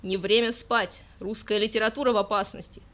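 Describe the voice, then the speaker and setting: A tipsy young male poet, pompous and self-pitying, whining in slow, stretched-out complaints, as a woman narrator puts him on. He sounds louder and a touch higher than the reader's plain voice, for an audiobook story. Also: steady tone, lightly acted. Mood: indignant whining. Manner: whiny, loud, drawn-out self-important rants.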